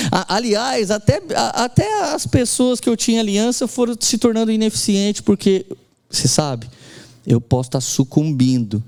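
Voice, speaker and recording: Man, pastor from Brazil, high voice, animated sermon, voices out quotes. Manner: lively preaching, acts out quoted voices, calls for congregation responses.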